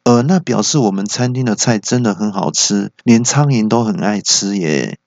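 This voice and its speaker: A man voicing a quick-witted, cheeky young female waitress who speaks in a high, sweet, polite way. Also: animated, a little mellow, no room sound. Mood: cheery.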